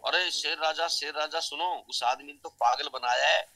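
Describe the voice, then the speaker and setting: A man's voice: fairly high pitch, moderate pace, vocal fry, sharp tone, rough recording. A man doing a sly, fawning monkey. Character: sly tattletale male monkey.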